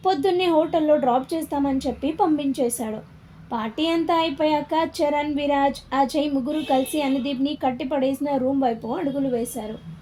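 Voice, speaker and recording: A woman's voice: sits high, dark tone, a little hiss or hum. A woman narrating a serialized story, voicing every character's dialogue herself. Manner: reads all characters in her own voice.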